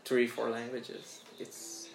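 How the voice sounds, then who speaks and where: Gravelly host in a roomy echo. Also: male voice, medium pitch, takes it slowly, a little hiss or hum. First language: Portuguese. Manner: relaxed, with many fillers and restarts. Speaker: interview host. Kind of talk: casual interview chat.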